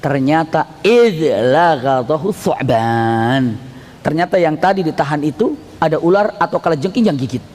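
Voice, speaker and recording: A man preaching a storytelling sermon, animated, questioning his audience and acting out dialogue. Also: a little high, normal speed. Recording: echoey hall.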